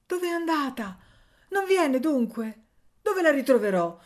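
A woman's voice: mid-range voice, expressive, unhurried, darkish tone, pitched above the performer's own voice, natural voice. A woman reading a novel aloud, voicing a frightened abandoned little boy who asks anguished, pleading questions. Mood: desperate.

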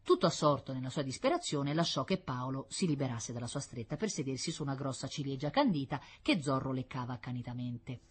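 A woman narrates an audiobook in a steady storytelling manner. Her voice sits low and has a husky, breathy grain. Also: a little fast, hardly any pauses.

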